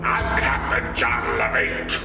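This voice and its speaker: An actor playing a gruff, blustering old salt of a pirate captain with a gravelly voice and theatrical pirate growls. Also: male voice, medium pitch, fairly even intonation, slow. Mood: commanding. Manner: stock pirate talk with growled arrs. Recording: roomy, loud music underneath.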